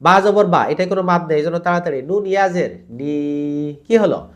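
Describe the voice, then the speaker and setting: A man teaching Quran recitation rules, who sounds out syllables slowly and drawn out, explains quickly in between, and asks learners to repeat after him. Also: high-pitched, lively intonation. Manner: drills syllables slowly and stretched, then explains in quick bursts. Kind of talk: tajweed lesson.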